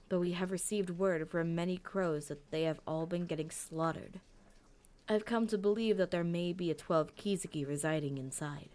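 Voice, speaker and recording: A woman voicing a calm, measured older male leader of demon hunters in a storybook audio drama. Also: fairly low pitch, natural voice.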